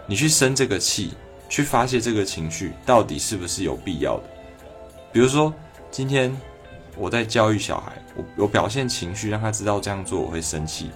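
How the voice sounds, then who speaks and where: A man with a Taiwanese Mandarin accent, a doctor giving a reflective, conversational advice talk on a livestream. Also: on the low side. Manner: reflective, conversational, acting out quoted people.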